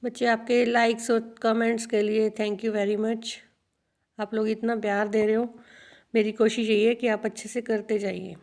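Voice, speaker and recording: Woman teaching slowly. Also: on the high side, flat delivery, darkish tone. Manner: repeats words slowly, addresses students as children. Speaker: English teacher. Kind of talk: teaching a video lesson.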